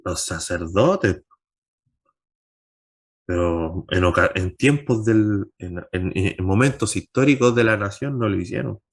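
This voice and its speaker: A man teaching a Bible class as pastor, posing rhetorical questions and answering them himself, pushing his pitch up on key points. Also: lively intonation, slow pace, slightly rough.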